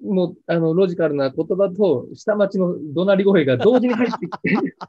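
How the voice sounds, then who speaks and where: A man tells stories from his acting career in a fast, animated interview, his pitch high and swinging widely. His voice is husky. The sound is dry and tinny, like a phone line. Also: dry recording. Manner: lively storyteller acting out quoted lines. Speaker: actor interviewed about a past role.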